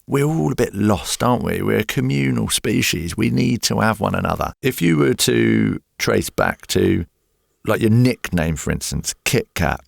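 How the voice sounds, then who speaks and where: Gravelly-voiced male podcast host. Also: on the low side, lively intonation, moderate pace, dry recording, clean studio sound. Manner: reflective, probing questions. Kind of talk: interviewing. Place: podcast studio.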